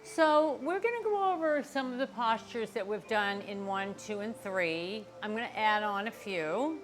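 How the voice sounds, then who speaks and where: A woman's voice: mid-range voice, lively intonation, unhurried, low-quality recording. An older woman, teaching a yoga class as instructor and explaining things encouragingly, straight to her viewers. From Boston area, United States. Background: music.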